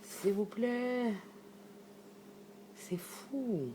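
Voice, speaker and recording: A woman's voice: a little high, extremely slow, dark tone, a little hiss or hum. A woman with a Québécois accent speaking in a casual vlog monologue. She is emphatic, rambling and swears freely. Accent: Québécois French. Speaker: vlogger sharing her thoughts. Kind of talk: casual spoken monologue to camera.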